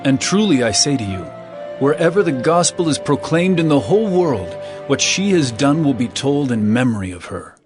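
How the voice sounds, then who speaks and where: An actor playing Jesus as a calm, authoritative male teacher, speaking in an earnest, measured way. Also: mid-range voice, close to an everyday voice. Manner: earnest, measured scripture delivery. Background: music score.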